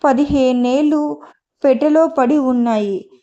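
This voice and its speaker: A woman reading the lines of a kind, dignified older mother in an audio story, speaking gently and affectionately. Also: sits high, a little slow, highs cut off. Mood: warm, tender. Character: kind, dignified older mother welcoming her son's bride. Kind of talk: audiobook character dialogue.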